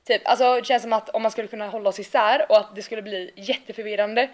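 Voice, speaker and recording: A young woman from Gothenburg with a local accent, co-hosting a podcast in giggly, animated casual chat. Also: medium pitch. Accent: Gothenburg Swedish. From Gothenburg, Sweden. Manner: giggly, animated, quick to act out voices. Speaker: podcast co-host.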